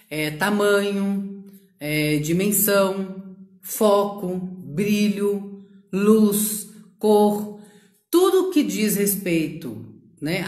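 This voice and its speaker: A Brazilian woman at a mid pitch teaches a sales class over a phone live stream. She steps through her points item by item, stopping to ask if everyone follows. The room around her sounds echoey. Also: darkish tone. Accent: Brazilian Portuguese. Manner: didactic, lists terms one by one and checks in with "ok?". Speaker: sales trainer. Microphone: phone on a social media live stream.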